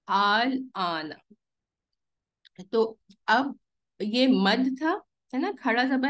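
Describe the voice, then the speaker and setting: Female online recitation teacher; unhurried, patient, keeps checking understanding over a call. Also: a little high. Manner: patient, explains step by step with frequent "theek hai" checks; stretches recited vowels to counted lengths. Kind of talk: live online class instruction.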